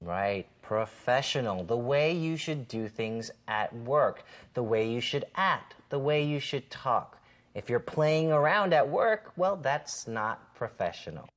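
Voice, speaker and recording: Speaking slowly in a very deep, animated voice, this co-host of an English lesson show reads from a script. She keeps her explanations simple and her enunciation careful and emphatic.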